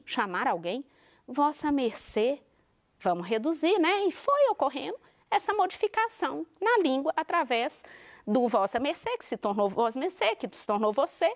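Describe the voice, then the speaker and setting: A woman teacher from Minas Gerais with a Minas Gerais accent, explaining a televised lesson in an animated way and asking the class rhetorical questions. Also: high-pitched. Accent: Minas Gerais Brazilian Portuguese. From Minas Gerais, Brazil.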